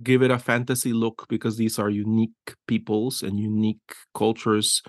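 A flat, lowish male voice at normal speed comes through studio-quality audio with no echo. The speaker, a middle-aged Guatemalan art director, chats eagerly in a casual interview, rambling with many restarts and repeated "right?" tags.

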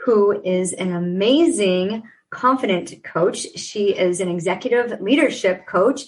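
A woman's voice: mid-range voice, unhurried, poor audio. Effusive woman host introducing a guest. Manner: warm, effusive praise. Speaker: podcast host.

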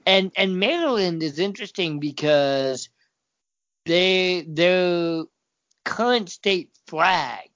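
An easygoing man from Oregon chats on a podcast and agrees readily, with a fairly high voice. The sound is dry and close, with a dull lo-fi quality. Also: animated, takes it slowly, fairly bright tone, no echo. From Oregon, USA. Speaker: podcast co-host. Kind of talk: casual chat.

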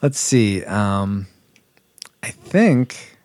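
A man's voice: lowish voice, expressive, very slow, darkish tone, no echo. A man hosting a casual movie discussion, chatty and full of restarts. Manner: chatty, many restarts and fillers.

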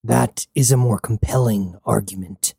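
A man voicing a hulking male cyborg captain, a menacing former mercenary with a gravelly, growling voice. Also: lowish voice, mellow, no room sound, studio quality, heavily acted. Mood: guarded. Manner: slow, grim and threatening. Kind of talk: audiobook character voice.

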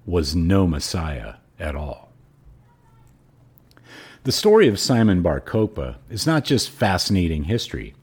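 A man hosting a podcast and reading aloud in a hoarse, froggy voice. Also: sits low, darkish tone. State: hoarse throat. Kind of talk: audiobook-style reading and podcast sign-off.

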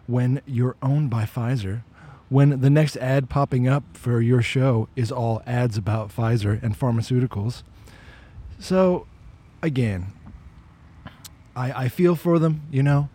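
This outdoor walk-and-talk podcast host speaks with a dark-toned, medium-pitched voice. His talk is casual and full of opinions, and he tends to repeat words whenever he begins again.

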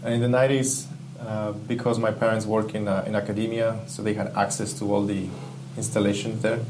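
A man's voice: fairly low pitch, fairly quick. A man from Ecuador, talking as an interview guest, enthusiastic and reflective as he searches for words. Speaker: guest, game UI/UX artist. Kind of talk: casual interview chat. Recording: steady background hum.

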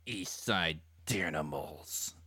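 In an audiobook story, a man voices an angry, menacing boy gang boss, growling and striking each syllable hard with a seething mood. He pitches himself above his own voice, which is mid-range, expressive, a little slow and fairly bright. The studio sound is clean, with no room sound.

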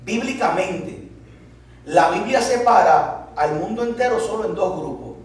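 A man's voice: high voice, animated, a little slow. A male pastor preaching a sermon, telling a story with laughs and asides to the congregation. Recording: echoey church hall, distant mic.

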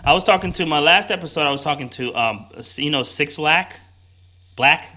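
A man hosting a casual podcast with a bright, forward tone. He talks in a reflective, easygoing way, full of "like" and "you know.". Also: fairly high pitch, normal speed. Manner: reflective, easygoing talk with many fillers. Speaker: podcast host.

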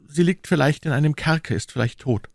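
A man's voice: a little high, brisk, vocal fry, no echo, clean studio sound, pitched above the performer's own voice. A man voicing a young musketeer in an audiobook, earnest and wry with a teasing edge. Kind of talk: audiobook character voice.

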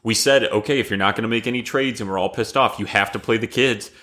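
A man's voice: lowish voice, quick pace, bright, forceful tone. A man co-hosting a podcast in casual sports chat, blunt and emphatic, swearing freely. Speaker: podcast co-host.

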